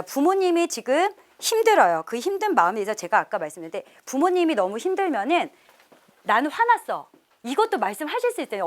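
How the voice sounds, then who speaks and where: Animated woman lecturing on parenting. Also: on the high side. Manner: animated, laughs often, acts out quoted parents. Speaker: professor leading a parenting seminar. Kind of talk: lecture to a live audience.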